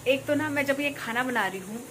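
A young woman from Uttarakhand talks to a camera set up in her kitchen as she cooks. She rambles chattily, with plenty of filler words, in a fairly high voice. Faint noise hangs behind her. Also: fairly quick, a bit bright. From Uttarakhand, India. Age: young adult. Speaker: vlogger. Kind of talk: casual chat while cooking. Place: home kitchen beside a window onto a busy highway. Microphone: fixed camera placed in the kitchen.

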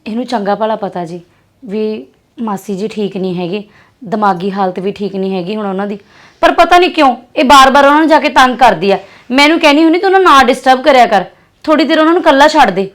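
A young woman with a Punjabi accent acting a sharp, scolding sister in a drama. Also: on the high side, expressive. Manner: scolding and fast-talking. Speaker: actress playing a sister.

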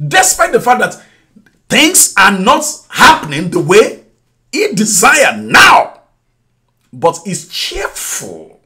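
A man's voice: high voice, huge pitch swings, slow, long pauses, sharp tone. A male preacher teaching a sermon, repeating phrases emphatically with frequent laughs and praise.

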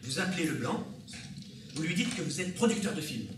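Brief: man, actor as exasperated bossy bourgeois, lively high voice, far off in an echoey, noisy hall. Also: brisk, natural voice. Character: impatient exasperated Parisian man. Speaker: stage actor. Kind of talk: amateur stage comedy acting. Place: theater stage. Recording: echoey theater from far off, loud noise.

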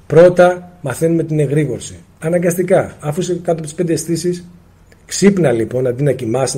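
A man from Greece giving a live seminar as a spiritual teacher, answering viewer questions, addressing listeners as friends and acting out little dialogues with sudden jumps in pitch. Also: mellow, breathy edge.

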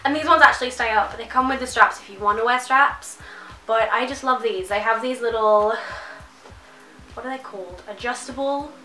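At normal speed and in a high-leaning, pushed, bright voice, a young woman chats casually about her clothing haul, stuffy and nasal with a cold. As a fashion vlogger, she's gushing and full of "like." Her small bedroom sounds reverberant, the mic is distant, and soft music plays behind her.

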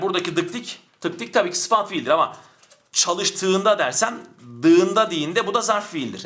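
A man teaching a Turkish grammar lesson online, animated, stretching words for emphasis and answering his own questions, recorded a little away from the camera mic. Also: high voice. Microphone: camera mic, speaks from a distance to avoid distortion.

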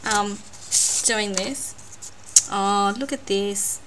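An Australian woman unboxing a craft gift on her vlog, gushing and excitable, often repeating words. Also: mid-range voice, extremely slow. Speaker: craft vlogger. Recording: noisy home recording.

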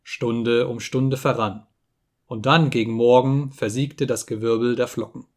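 A man reading a story aloud as an audiobook narrator, calm and measured, slowing on solemn phrases. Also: medium pitch. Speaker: audiobook reader.

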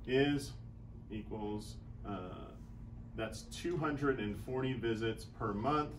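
A man in his thirties coaches clinic owners through a whiteboard lesson, thinking aloud as he works each sum out. His voice sits at an ordinary middle pitch. A lapel mic in a small room catches him over a faint background hiss. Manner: casual, thinks aloud while doing sums. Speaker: chiropractic business coach.

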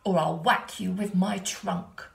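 A woman voicing a big, greedy elephant that makes loud, very slow demands. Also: on the low side, steady tone, gravelly, heavily acted. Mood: demanding.

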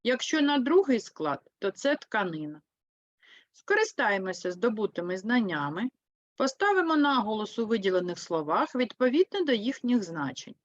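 A woman teaching an online lesson for third graders, with a Ukrainian accent, speaking slowly and clearly and putting lively stress on key words. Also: fairly high pitch, no echo, lo-fi sound. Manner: slow, clear, explains with lively emphasis. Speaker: primary school teacher.

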